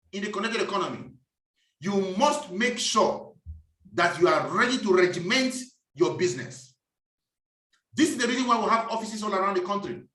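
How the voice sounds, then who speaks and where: A man's voice: sits high, a bit bright, recorded from a distance. A man giving a preachy, emphatic business talk and repeating his key phrases. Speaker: business speaker. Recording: echoey room, voice off-mic.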